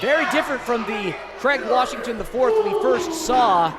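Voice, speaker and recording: A man giving live wrestling commentary as a booming, pumped-up announcer who often shouts. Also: expressive, normal speed. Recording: loud crowd and music behind. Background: cheering crowd, music, ring slams.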